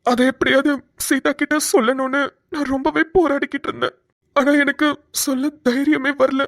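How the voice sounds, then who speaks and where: A woman voicing a timid, lovesick young man in a cartoon, talking softly and hesitantly. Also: sits high, flat delivery, normal speed, no room sound, clean studio sound. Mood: wistful. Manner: soft, hesitant, pleading. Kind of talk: cartoon voice acting.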